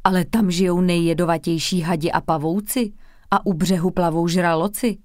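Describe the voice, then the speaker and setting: Woman doing cheerful schoolboy, friendly, lowish voice, dry storybook reading. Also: steady tone, no echo, lightly acted. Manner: cheerful, chatty.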